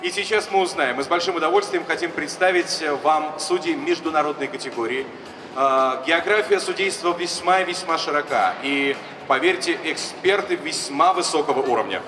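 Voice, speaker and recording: A man's voice: fairly high pitch, normal speed, background noise. A middle-aged man hosting a ceremony, making formal stage announcements in short phrases into a handheld microphone. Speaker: ceremony host. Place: large exhibition hall stage. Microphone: handheld microphone through PA. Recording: echoey hall PA from far off, music behind. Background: music.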